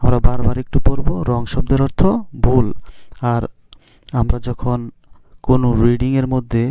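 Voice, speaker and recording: Man, teacher, spells letters out one by one, flat even delivery, mellow voice, dry dull lo-fi sound. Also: medium pitch, smooth, no echo. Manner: spells out letters slowly and asks students questions. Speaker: English teacher. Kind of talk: classroom lesson on phonics rules.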